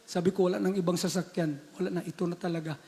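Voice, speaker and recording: Filipino guy preaching in a big echoey church hall, keeps saying the same word over and over, sometimes shouts. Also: sits high, steady tone, rapid-fire, vocal fry. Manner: repeats "minamahal" as a refrain, swings from hushed storytelling to shouting. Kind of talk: sermon testimony.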